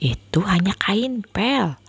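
A woman voicing a reassuring older sister in a children's storybook, gently correcting a scared child. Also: very high voice, big pitch swings, takes it slowly, highs cut off, pitched above the performer's own voice, exaggerated voice. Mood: soothing.

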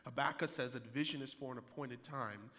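A man in his thirties preaching a sermon as pastor, energetic, climbing louder and higher to drive points home and repeating key lines. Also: a little fast. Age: 30s. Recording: hall reverb.

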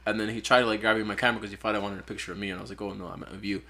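This podcast guest, a Peruvian photographer in his twenties, talks very fast in a lowish voice. He chats casually in a relaxed, rambling style loaded with "like" fillers.

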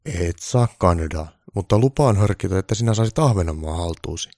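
A man playing a calm, blunt old Santa Claus in a comic audio story. He speaks firmly and matter-of-factly with a gravelly, dark timbre, and the sound is dry and close. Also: sits low, dry recording. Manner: dry, matter-of-fact, firm.

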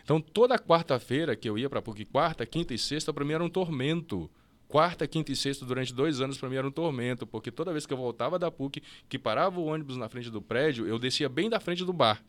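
Brazilian male podcast guest, mid-pitched, rapid storyteller, dry close sound. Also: no echo. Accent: Brazilian Portuguese. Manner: lively, fast storytelling with quick restarts and mimicked dialogue. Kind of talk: casual storytelling interview.

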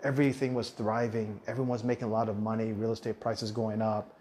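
An American man in his forties hosts a podcast about living abroad, delivering a casual monologue full of restarts and self-corrections. His fairly low, darkish voice is flat and fast. A little hiss or hum is audible.

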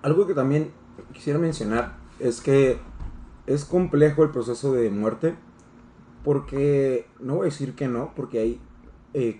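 A man's voice: mid-range voice, warm tone, echoey room, a little hiss or hum. A young man with a Mexican accent hosting a casual discussion, explaining things in a joking way. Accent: Mexican Spanish. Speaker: host.

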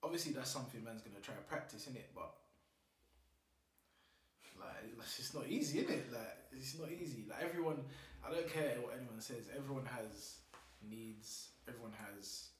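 A man's voice: medium pitch, normal speed, distant mic. A young man with a London roadman accent, chatting casually in street slang as a podcast host. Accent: London roadman, multicultural London English. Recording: roomy, noisy, off-mic.

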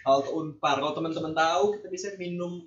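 A man's voice: on the high side, fairly even intonation, fast talker. A young man co-hosting a casual podcast with slangy jokes, in an echoey, muffled recording. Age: young adult. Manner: joking, slangy. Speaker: podcast co-host. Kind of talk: casual chat. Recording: echoey, dull, loud chatter behind.

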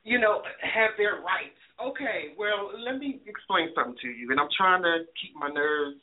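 A man with a notably high voice heard over a thin, phone-like line. He runs a call-in talk show and vents in a rambling, profane rant full of fillers and restarts. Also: animated, moderate pace.

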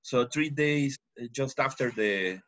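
A man's voice: mid-range voice, measured pace, fairly bright tone, muffled recording. Man hosting a casual podcast. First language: Spanish. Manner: hesitant, restarts often in English. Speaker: podcast host.

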